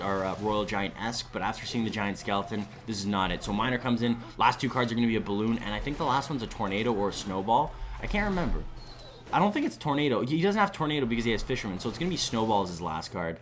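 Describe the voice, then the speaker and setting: Chatty young male esports caster. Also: medium pitch. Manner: chatty, rambling asides, animated when excited. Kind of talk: live game commentary.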